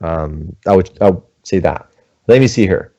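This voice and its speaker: A man's voice: sits low, moderate pace, warm tone, no echo, muffled recording. A middle-aged man from Switzerland, an animator chatting casually at home on a livestream and answering questions, rambling with many fillers. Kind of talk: livestream talk and Q&A.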